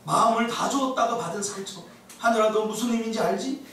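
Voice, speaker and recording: A man preaching a sermon as a pastor, animated, acting out the voices he quotes. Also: high voice, quick pace, a little hiss or hum. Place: church sanctuary. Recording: echoey church hall, mic at a distance.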